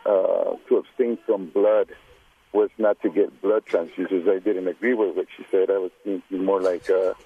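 A man calling in to a radio show over a phone line, asking his question in a hesitant, halting way. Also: low voice, steady tone, slightly rough. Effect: heard over a phone line. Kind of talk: call-in question.

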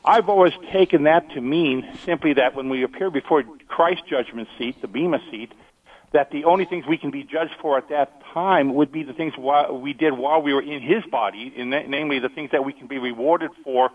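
A man's voice: a little high, fairly quick. A man calling in to a radio show over the phone, speaking hesitantly with many ums and restarts. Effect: phone-line caller on a radio show. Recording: tinny distant phone line.

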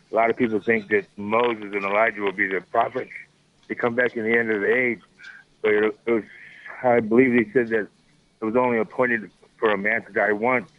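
Friendly man on a radio call-in line. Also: lowish voice. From Las Vegas, Nevada, USA. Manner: friendly, musing, unsure of his idea. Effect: phone-line call-in voice on a radio show. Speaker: radio show caller. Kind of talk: call-in question. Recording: tinny phone line.

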